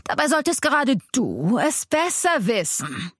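Woman reading cold male warlord, slow and threatening, dry close sound, storybook. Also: sits high, very animated, no echo, voice pushed up, heavily acted.

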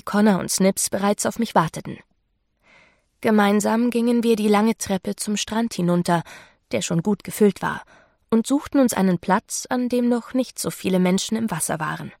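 A woman narrates a novel in the first person with a measured, intimate delivery. Her voice carries a gravelly texture. The recording is dry and close, with no room sound. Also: mid-range voice, darkish tone, no room sound. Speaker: audiobook narrator.

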